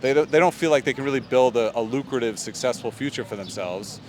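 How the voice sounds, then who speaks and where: A man in his thirties giving his opinions in a casual street interview, animated and quick with asides. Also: medium pitch. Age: 30s. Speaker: podcast guest. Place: city street outdoors. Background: faint traffic.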